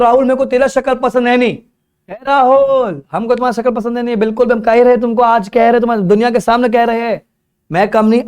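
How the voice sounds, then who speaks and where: A man's voice: sits high, a little mellow. A young Indian man giving a law exam revision lecture, switching between Hindi and English, repeating key terms and acting out his students' questions. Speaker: law teacher.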